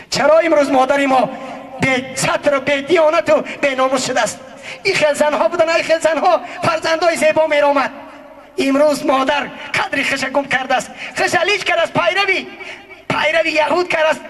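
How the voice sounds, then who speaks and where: A man with a Tajik accent giving an impassioned sermon that mixes a moral story with scolding, at times shouting. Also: very high voice. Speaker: preacher. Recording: echoey hall from far off.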